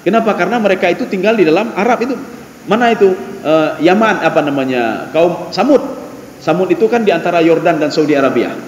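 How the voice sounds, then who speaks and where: A man teaches a mosque congregation, often putting rhetorical questions to them. His voice sits high, and long reverb from the big hall trails each phrase. Faint ambient noise lies underneath. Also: animated, brisk. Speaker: religious teacher. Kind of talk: mosque lecture.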